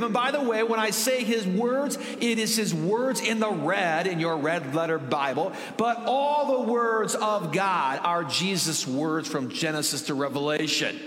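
A man's voice: high voice, a bit bright. A man preaching a sermon as a pastor, talking conversationally with joking asides to the congregation and growing emphatic on key points. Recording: echoey hall with long reverb.

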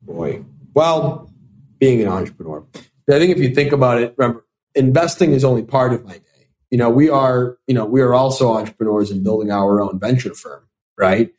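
Speaking a little fast in a medium-pitched, darkish voice, a young Italian-born investor in venture capital guests on a podcast. His answers are thoughtful, and he tends to repeat words when starting sentences, often restarting.

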